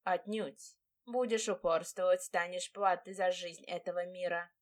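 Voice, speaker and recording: A woman's voice: fairly low pitch, steady tone, a little slow, natural voice. A woman voicing a cold, haughty witch who hisses her words with scorn. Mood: scornful. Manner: hissing, sneering.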